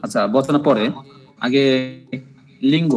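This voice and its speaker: A man's voice: mid-range voice, measured pace, slightly rough, poor audio. A man teaching Arabic grammar in an online class, repeating terms for drills and often checking with "ঠিক আছে?".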